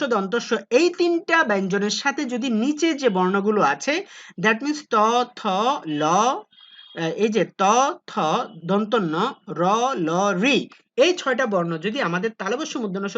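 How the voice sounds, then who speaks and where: A woman's voice: mid-range voice, a bit bright, lo-fi sound. A woman tutor explaining exam answers step by step, asking and answering her own questions. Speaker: Bangla tutor. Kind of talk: exam-prep lesson.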